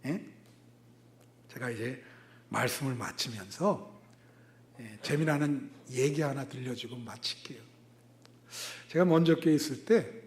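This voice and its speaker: A middle-aged man preaching a sermon as pastor, telling a personal story with sudden loud bursts and asides to the congregation. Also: medium pitch.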